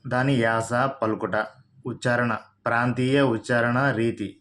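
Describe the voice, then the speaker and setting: Man, Telugu accent, vocabulary tutor, slow lesson, spells words letter by letter, mid-pitched voice. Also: level tone, fairly bright tone.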